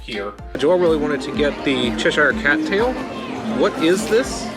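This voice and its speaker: A man's voice: on the high side, animated, unhurried. A man co-hosting a casual home cooking video, easygoing and rambling with fillers. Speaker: co-host. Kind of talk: casual chat. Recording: roomy echo, light music.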